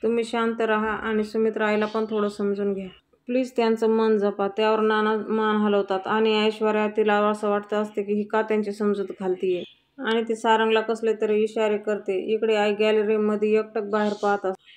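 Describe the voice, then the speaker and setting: A woman's voice: medium pitch, monotone, moderate pace, a little mellow. A woman hosting her own channel, narrating a recap of a TV serial and reading out the characters' lines in her own voice. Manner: retells scenes, reading out every character's lines in the same voice.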